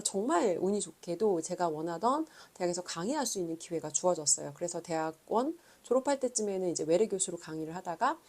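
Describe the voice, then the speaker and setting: A woman in her thirties, a reading coach, telling her own story in an earnest, thoughtful way with frequent pauses. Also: lowish voice, a little mellow. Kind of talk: reflective personal talk.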